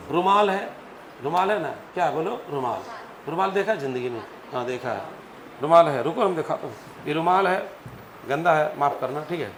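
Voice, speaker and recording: A man teaching physics in a lively classroom lecture, calling on students to answer aloud and acting out stories. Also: fairly high pitch. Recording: echoey classroom with faint noise.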